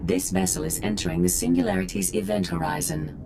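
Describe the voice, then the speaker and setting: A man voicing a calm male ship computer in a game, announcing warnings in a flat, measured way. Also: fairly high pitch, creaky, a little hiss or hum, exaggerated voice.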